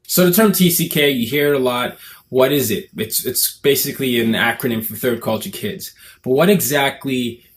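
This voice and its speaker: A man's voice: mid-range voice, moderate pace. A man in his twenties from Nigeria with an American accent, talking casually to camera in an earnest, reflective way as a summit speaker. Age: 20s. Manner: earnest, reflective, thinks aloud.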